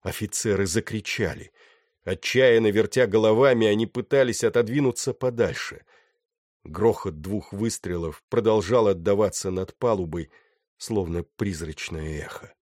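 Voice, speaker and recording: A man narrating a novel with steady, dramatic storytelling. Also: fairly low pitch, normal speed, dry recording, clean studio sound. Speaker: audiobook narrator. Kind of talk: scripted narration.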